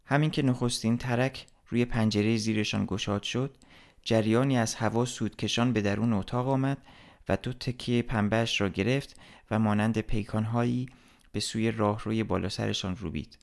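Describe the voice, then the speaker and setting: Man, audiobook narration, steady measured reading, low voice, gravelly fry.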